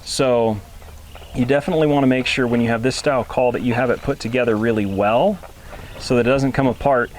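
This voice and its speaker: A man's voice: medium pitch, fairly even intonation, brisk, darkish tone, slight background noise. A man giving a casual hands-on tutorial as an instructor, speaking in a plain, folksy, informal way. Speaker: instructor, duck hunter.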